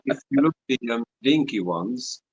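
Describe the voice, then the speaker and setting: A man chatting casually in hesitant, halting short phrases. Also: medium pitch, animated, muffled recording. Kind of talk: casual chat.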